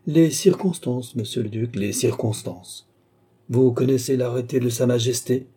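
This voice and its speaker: A man voicing a fussy, agitated male lawyer who is effusive and excitable. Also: mid-range voice, moderate pace, slightly rough, close to an everyday voice.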